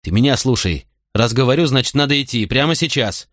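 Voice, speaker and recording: A man's voice: medium pitch, lively intonation, a little fast, fairly bright tone, dry recording, clean studio sound, pitched above the performer's own voice, lightly acted. A man voicing a young Roman officer who talks urgently and coaxingly.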